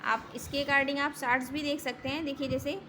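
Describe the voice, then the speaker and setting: A woman's voice: high voice, steady tone, bright, forceful tone, slight background noise, poor audio. A woman teaching children letter sounds, asking questions and repeating every sound in a patient classroom manner. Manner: slow, repeats each sound and asks questions. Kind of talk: phonics lesson for children.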